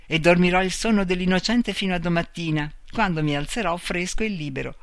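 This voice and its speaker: A man reading aloud and voicing a male robot double who speaks in a calm, tender, pleading way. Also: high-pitched, brisk, dry recording, clean studio sound. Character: gentle male robot double, soft-spoken and loving.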